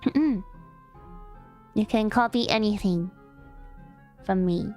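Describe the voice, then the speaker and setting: A young woman streamer chats casually on a livestream, giggling and rambling with plenty of fillers and restarts, playful and affectionate toward her chat. Her mid-range voice is slow and a little mellow, with faint music in the background.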